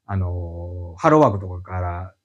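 A middle-aged man with a Kansai accent, chatting as a podcast guest and explaining his work in an animated, storytelling way. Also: deep voice, measured pace, lo-fi sound. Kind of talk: casual podcast chat.

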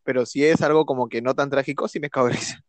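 A man's voice: medium pitch, fairly even intonation, fast talker, no room sound. A young man in casual chat, laughing often, swearing freely and joking as he talks.

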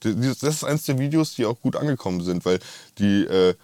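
A man's voice: fairly low pitch, animated, fairly quick, dark tone, no echo. A man with a rolled R, talking casually and enthusiastically as a musician being interviewed. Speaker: musician, singer-songwriter guest.

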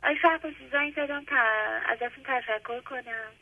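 Earnest woman caller on phone line. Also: high-pitched. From Iran. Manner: earnest, grateful, hesitant with fillers. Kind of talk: phone-in call. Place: home, calling from Tehran.

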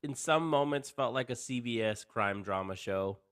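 A podcast co-host chats in an easygoing way about TV series, frequently restarting his sentences. His mid-range voice moves at normal speed with a slightly bright, clean tone, recorded at studio quality with no room sound.

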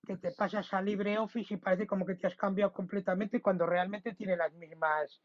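A man's voice: high voice, steady tone, normal speed. Hesitant man, lo-fi podcast mic. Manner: hesitant, searching for words. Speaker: podcast co-host. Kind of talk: casual chat. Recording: dull lo-fi podcast audio.

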